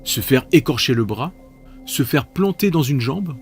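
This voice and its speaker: A man's voice: mid-range voice, lively intonation, measured pace, faint music behind. Playful man hosting a quiz. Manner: playful, chatty asides between questions. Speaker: quiz host. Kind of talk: reading out multiple-choice quiz questions.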